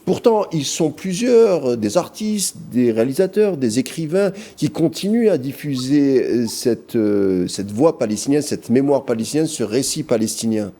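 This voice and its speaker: Measured male TV host, mellow voice. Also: medium pitch, very animated. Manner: measured, formal phrasing. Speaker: TV news host. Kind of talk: TV interview questions.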